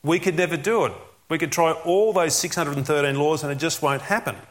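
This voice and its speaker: A man's voice: fairly high pitch, a little fast. A man preaching a sermon as a pastor, earnest and emphatic, often asking rhetorical questions.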